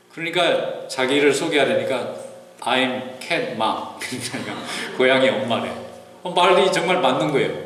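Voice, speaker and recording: A male pastor giving a sermon, telling stories in a relaxed, conversational way with folksy asides. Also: fairly high pitch. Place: large church sanctuary. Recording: roomy church hall reverb with faint noise.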